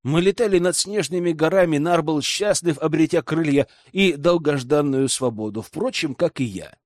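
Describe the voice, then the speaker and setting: A man narrating a fantasy audiobook in the first person, expressive and wry. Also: a little high, moderate pace, dry recording, clean studio sound.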